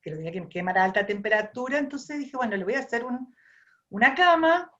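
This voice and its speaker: Her voice on the high side and a bit bright, this Argentine ceramic artist speaks quickly with lively intonation as she muses over the stories behind her creations. She tends to repeat herself and start phrases over, speaking with an Argentine accent, and the audio's highs are cut off.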